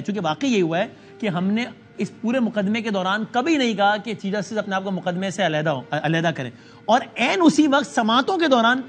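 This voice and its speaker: A male news show host conducting a current-affairs interview, pressing his guests with pointed follow-up questions. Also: high-pitched.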